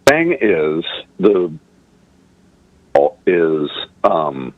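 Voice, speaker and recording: A man calling in to a show, speaking in a halting, hesitant way while his call audio glitches and clips the starts and ends of his words. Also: low voice, big pitch swings, no echo, narrow, tinny audio. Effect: glitchy call audio, starts and ends of words cut out. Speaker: caller. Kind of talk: casual call-in conversation.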